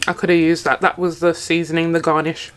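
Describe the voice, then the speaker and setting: A woman vlogger chatting casually to camera while eating, telling stories in an animated way with her mouth sometimes full. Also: sits low, brisk, smooth. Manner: animated storytelling, acting out quotes. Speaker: English teacher. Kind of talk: casual mukbang chat to camera.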